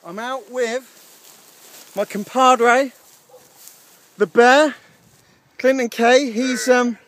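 A man's voice: extremely high pitch, fairly even intonation, extremely slow, fairly bright tone. A man in his thirties chatting casually to a handheld camera outdoors by a lake. He is upbeat and rambling, with frequent ums. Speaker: outdoor vlogger. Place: outdoors by a lake at a wild camp. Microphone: handheld camera at arm's length.

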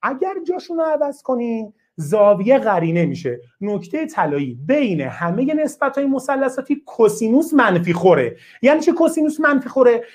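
A woman lectures a math class, her voice swinging high and low with lively energy. She drives each point home by repeating it, presses students to answer quickly, and rewards them with short bursts of praise. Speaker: math teacher.

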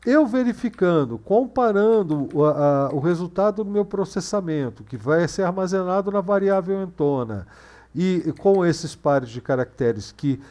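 Guy doing a coding screencast, kinda high voice, lots of uh and restarts, typing in the background. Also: animated, unhurried, mellow. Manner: thinking aloud, full of fillers and self-corrections. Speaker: course instructor. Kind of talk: screencast programming lesson.

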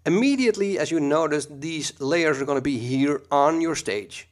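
Here a Dutch man, Dutch accent and all, guides viewers through a screen-recorded software tutorial at a moderate pace. His slightly high voice comes through a computer mic, relaxed and chatty with lots of ums and uhs.

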